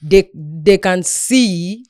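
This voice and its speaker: Lively podcast co-host, dry close mic. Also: mid-range voice, extremely slow, dry recording. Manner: animated, laughs often, acts out quotes. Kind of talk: casual chat.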